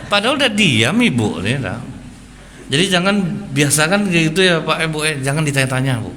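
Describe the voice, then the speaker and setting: Bright-voiced man preaching to a congregation. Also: on the high side, normal speed, a little hiss or hum. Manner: animated storytelling, keeps addressing the congregation. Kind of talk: sermon.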